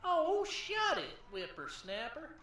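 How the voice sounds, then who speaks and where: High, cranky old prospector. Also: male voice, wildly swooping pitch, slow, bright, forceful tone, very echoey, far from the mic, heavily acted. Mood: cantankerous. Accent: American. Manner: folksy, crotchety, old-timer drawl. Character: cranky, cackling 136-year-old male prospector. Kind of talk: old prospector character voice in an adventure game.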